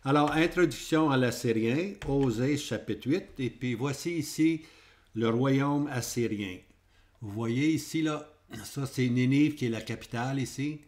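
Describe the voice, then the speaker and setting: Guy with a québécois french accent teaching bible prophecy, repeats stuff, keeps asking "ok?", middle pitch. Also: a little mellow. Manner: repetitive, checks in with "hein?" and "ok?". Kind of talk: Bible prophecy lesson with maps.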